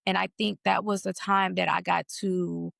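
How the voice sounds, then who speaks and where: A woman tells her story on a podcast in a steady, reflective way, her voice very gravelly with heavy vocal fry. The recording is dry and close, with no room sound. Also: on the low side, moderate pace, no room sound. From United States. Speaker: podcast guest. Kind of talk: emotional personal conversation.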